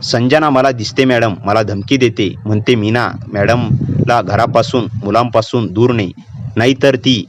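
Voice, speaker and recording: A man's voice: mid-range voice, fairly even intonation, a little slow, a little hiss or hum, natural voice. A man voicing a frightened young housemaid who pleads fearfully. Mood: pleading. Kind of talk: storytelling narration.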